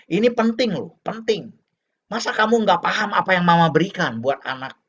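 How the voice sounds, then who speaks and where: A man's voice: high-pitched, animated, moderate pace, a bit bright, breathy edge, voice pushed up, heavily acted. A man voicing a nagging middle-aged mother who scolds her child and keeps insisting that things are important. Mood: insistent. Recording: dull lo-fi recording.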